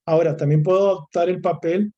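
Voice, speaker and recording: A man with a Mexican Spanish accent lectures through a course session, piling up lists of near-synonyms and restarting his phrases. His voice sits a little high for a man and has a mellow, soft-edged tone. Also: steady tone, fairly quick, dull audio. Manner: discursive, repeats and lists words, restarts phrases. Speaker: course instructor.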